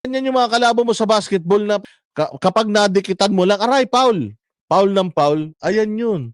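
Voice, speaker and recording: High-voiced man ranting mockingly. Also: moderate pace, no echo, studio quality. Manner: mocking, sarcastic, swears often. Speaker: vlogger host. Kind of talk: political commentary rant.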